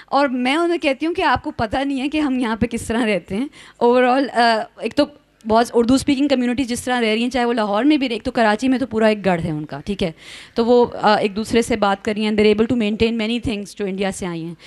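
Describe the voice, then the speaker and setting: A woman's voice: on the high side, darkish tone, no room sound. A woman moderating a panel conversation, fluent and often switching into English phrases. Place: outdoor university courtyard event.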